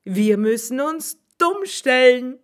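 Woman voicing a male swineherd, storybook figure, clever, high-pitched, eager, persuasive. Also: expressive, slow pace.

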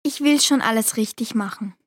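A woman's voice: fairly high pitch, normal speed, no echo, studio quality, lightly acted. A woman voicing an innocent, trusting little girl who speaks earnestly. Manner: bright, earnest and guileless.

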